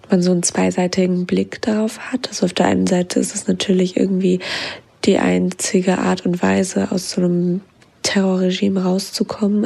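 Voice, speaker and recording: A woman sending a voice memo, her voice husky and heavily creaky, with a flat, level delivery. She speaks reflectively and hesitantly, as if thinking aloud. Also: fairly low pitch. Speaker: community member sending a voice memo. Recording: voice memo from a phone.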